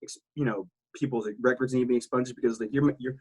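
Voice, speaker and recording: A man's voice: medium pitch, steady tone, quick pace, darkish tone, husky, low-quality recording. A man from South Texas talking casually as a podcast guest, candid and rambling, swearing freely. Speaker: guest, military veteran.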